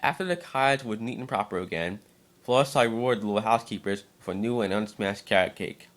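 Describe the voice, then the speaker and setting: A man reads a storybook-like fan tale quickly, his fairly low voice carrying a slightly bright quality. His amateur narration includes the odd stumble and some repeated words.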